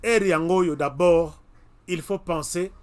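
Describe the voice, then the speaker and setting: With faint music in the background, a Congolese web TV host speaks slowly in a high-pitched, slightly mellow voice. He talks directly to viewers in an emphatic monologue, repeating his warnings.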